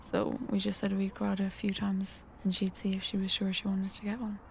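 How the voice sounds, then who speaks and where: A woman's voice: mid-range voice, monotone, fairly quick, vocal fry. A seventeen-year-old young woman from Galway with a west of Ireland accent, explaining things casually as an interviewee.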